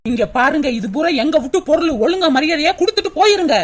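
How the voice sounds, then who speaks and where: Woman doing angry cartoon village wife, shrill, rapid-fire scolding. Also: expressive. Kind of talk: cartoon voice acting.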